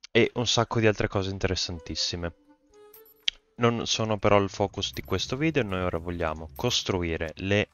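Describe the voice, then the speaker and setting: Deep-voiced excitable man commenting on gameplay. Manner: excitable, thinks aloud, reads game text out, sudden loud exclamations. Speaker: gaming YouTuber.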